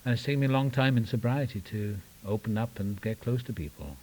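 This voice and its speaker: An older man with a Welsh accent speaks fast in a mid-range, slightly mellow voice, recorded roughly. His testimony at a recovery meeting in a meeting room rambles along with wry humor at his own expense, restarts and trailing side remarks.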